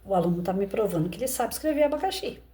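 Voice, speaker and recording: Brazilian woman teacher, warm low-key tone, chatty and explanatory. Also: lively intonation, racing, a little hiss or hum. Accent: Brazilian Portuguese. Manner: conversational, explains with rhetorical questions. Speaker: educator. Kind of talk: reflective commentary on a parable.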